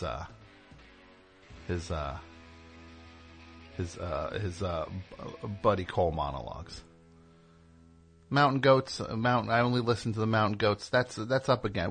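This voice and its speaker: A man hosting a live radio show, rambling in casual chat with sudden loud yelled bursts. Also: lowish voice, lively intonation, unhurried, pauses often, soft background music.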